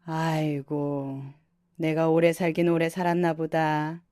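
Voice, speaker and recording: A woman's voice: low voice, little pitch movement, slow pace, warm tone, dry recording, clean studio sound, voice pushed down. A woman voicing an older mother-in-law who scolds her daughter-in-law and dotes on her eldest son. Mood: scolding.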